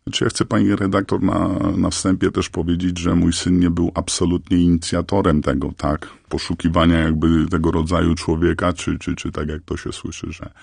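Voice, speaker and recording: A man speaks through a disguised, electronically altered voice that sits extremely low, gravelly and husky. His delivery is halting and earnest, as he searches for his words. The sound is close and dry. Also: flat delivery, a little mellow, no echo. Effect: voice electronically altered and lowered to stay anonymous. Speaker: anonymous parent guest. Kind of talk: radio interview.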